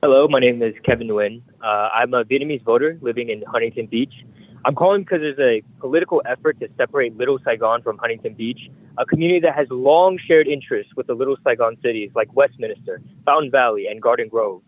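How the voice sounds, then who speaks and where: A man's voice: medium pitch, quick pace. A man calling in to public comment who speaks in an earnest, urgent way. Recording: tinny dry phone line.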